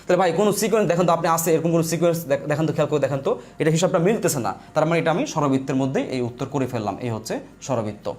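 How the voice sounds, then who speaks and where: Fast, high-voiced male teacher. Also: expressive, a little mellow. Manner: explains step by step, repeats points, addresses viewers as brother. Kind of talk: live online grammar lesson.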